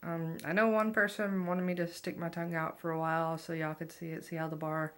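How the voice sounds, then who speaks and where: A woman's voice: low voice, flat delivery, brisk. A woman in her twenties chatting casually to viewers in a rambling, self-deprecating, offhand way. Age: 20s. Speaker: vlogger.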